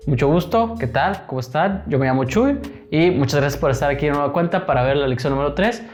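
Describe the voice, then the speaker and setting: A man teaching a beginner French lesson, patiently repeating each word slowly and checking in with his students. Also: on the high side, soft background music.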